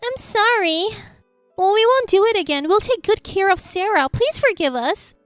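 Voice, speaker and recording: A harsh, shrill mother-in-law , as a woman narrator puts her on for a storybook reading. She pleads and protests in a high voice that rises and falls widely. The sound is dry and close. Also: sing-song, normal speed, fairly bright tone, no echo, faint music behind. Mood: pleading.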